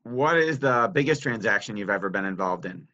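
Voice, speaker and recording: A male podcast host asks brisk, direct questions. His voice is bright and forward, with a somewhat low pitch, and the recording sounds dull and lo-fi. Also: animated. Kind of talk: interview questions.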